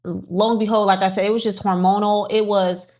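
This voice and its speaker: A woman's voice: mid-range voice, flat delivery, fairly quick, a little mellow. A middle-aged woman co-hosting a candid podcast, speaking frankly and earnestly and laughing easily. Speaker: podcast co-host.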